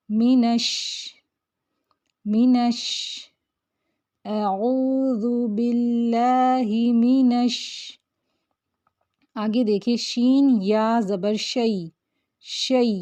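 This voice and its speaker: A woman's mellow, mid-range voice guides a tajweed lesson on dull lo-fi audio. She teaches Quran recitation with patience, stretching each syllable slowly to demonstrate how it should sound.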